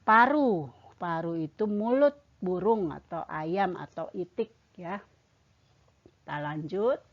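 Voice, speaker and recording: A woman's voice: lowish voice, slow pace, dull audio. A woman primary school teacher, patiently explaining words and repeating herself as she teaches. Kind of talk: online classroom lesson.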